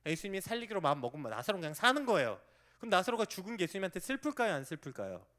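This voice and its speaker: A male pastor in his thirties delivers a sermon with a slightly high voice and a very lively pitch that leaps around. He sinks into soft, breathy near-whispers, then bursts out loud and emphatic. When he quotes other people, his voice jumps suddenly higher. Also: very fast.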